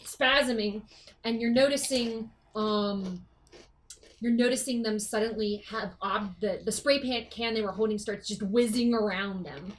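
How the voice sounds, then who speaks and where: A woman game master improvising tabletop game narration in a halting, informal way. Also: medium pitch, slight background noise, rough recording.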